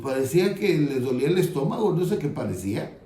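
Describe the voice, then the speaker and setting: A man with a Mexican Spanish accent preaching an earnest sermon as pastor, reading scripture aloud and slowing down for emphasis. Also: fairly high pitch, big pitch swings, warm tone, echoey room.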